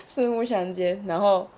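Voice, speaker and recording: A woman's voice: fairly low pitch, animated, a little fast, a little hiss or hum. A young woman with a Taiwanese Mandarin accent, co-hosting a casual podcast chat in a playful, giggly manner. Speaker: podcast co-host.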